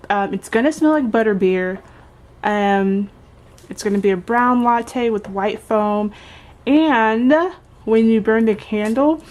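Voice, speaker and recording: A woman's voice: medium pitch, a little mellow. A woman vlogger chatting casually, her speech slightly affected by braces. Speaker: vlogger and candle maker. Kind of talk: casual vlog chat. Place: indoors at home. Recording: clearly noisy home recording.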